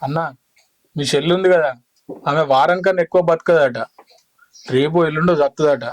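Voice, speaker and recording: A man's voice: on the high side, a little fast, no room sound, natural voice. An actor playing a village brother who urgently persuades his family, speaking in a Telangana Telugu accent. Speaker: younger brother and go-between. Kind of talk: village drama acting.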